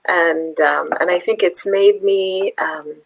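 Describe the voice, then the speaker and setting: A woman from Palestine, a poet, talking thoughtfully with pauses and fillers, then reading her own poem aloud. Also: lowish voice, fairly even intonation, creaky, rough recording. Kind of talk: conversation and poetry reading.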